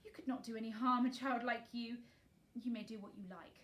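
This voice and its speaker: A troubled, weary gentleman, played by a woman reader from a storybook. He speaks formally and emphatically, halting at times, with the air of a wretched guardian. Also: a little high, fairly even intonation, close to an everyday voice. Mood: worried, weary.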